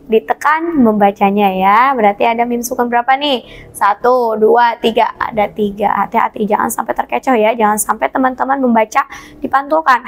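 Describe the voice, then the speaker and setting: An Indonesian woman teaching Quran reading to children, patient and encouraging, drawing out Arabic recitation slowly. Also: fairly high pitch.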